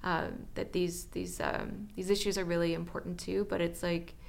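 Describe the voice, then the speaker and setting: A woman's voice: on the low side, flat delivery, moderate pace, creaky. A woman from Northern Alberta answering interview questions casually about her solar project, with lots of fillers and restarts. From Northern Alberta, Canada. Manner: chatty, many fillers and restarts.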